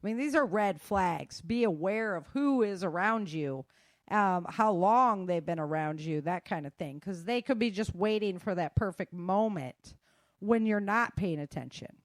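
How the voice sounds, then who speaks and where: Speaking a little slowly but animatedly in a mid-range voice, a middle-aged self-defense instructor on as a guest gives frank, casual, emphatic advice in an informal way. There's no room sound on the recording.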